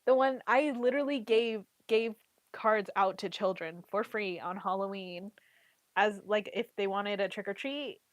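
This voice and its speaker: Still congested while recovering from a cold, this woman, a content creator who plays trading card games, talks casually about a card game, peppering her speech with "like" and "literally." Her medium-pitched voice keeps a measured pace in a dry recording.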